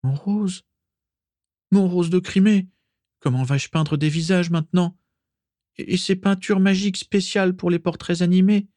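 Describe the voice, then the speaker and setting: Man doing a timid, stammering painter, raised whiny pitch, dry storybook reading. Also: steady tone, measured pace, long pauses, mellow, no echo. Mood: lamenting.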